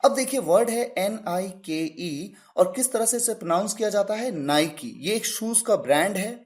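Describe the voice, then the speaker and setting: A man giving a spoken English lesson, his pitch rising and falling in a lively way. He walks through each word slowly, spelling it letter by letter. He poses a question and then answers it himself. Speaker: English teacher. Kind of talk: grammar lesson.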